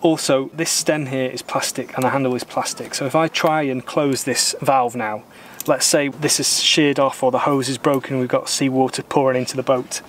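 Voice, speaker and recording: A man in his thirties calmly explaining, step by step, how he repairs a boat part outdoors. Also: mid-range voice, normal speed, hardly any pauses, a little hiss or hum. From Britain. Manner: calm, methodical, plain-spoken, mildly opinionated. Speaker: sailor doing boat repairs. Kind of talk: explaining repair steps while working. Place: outdoors in a garden workshop.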